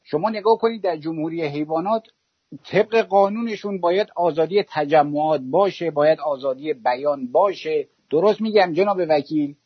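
Calling a talk show, this man from Iran rants passionately and sarcastically, as though giving a speech. He has a slightly high, husky voice, heard over dull, dry phone-line audio without any room sound.

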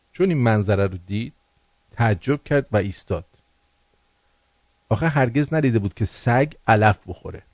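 A man's voice: medium pitch, dry recording. Fired-up guy ranting on a call-in radio show, crude and scolding, dull dry audio. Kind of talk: ranting political monologue.

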